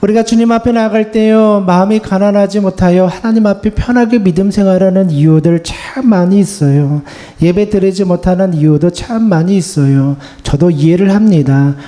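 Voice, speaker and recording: Male pastor, high mellow voice, earnest conversational sermon delivery. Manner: earnest, conversational preaching with repeated "거예요" endings. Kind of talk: Sunday sermon. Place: church sanctuary.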